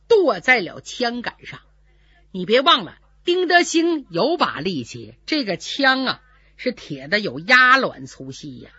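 A woman storyteller narrates a traditional tale in a dramatic, vivid way, voicing the sound effects herself. Her fairly high, bright voice swings widely, with a slight huskiness. The recording is dry and lo-fi. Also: slightly rough, dry recording. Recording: dull lo-fi recording.

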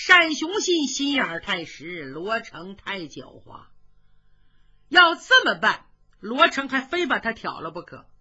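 A woman's voice: fairly high pitch, pushed and bright, breathy edge. Dramatic woman storyteller, lo-fi. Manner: dramatic, vivid, with sound effects. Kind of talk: traditional storytelling narration.

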